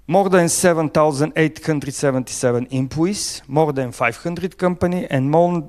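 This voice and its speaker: A man with a Bulgarian accent presents at a conference in English, his second language. He speaks at a middle pitch, stopping often to search for words and filling the gaps. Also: darkish tone. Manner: halting, frequent pauses and fillers.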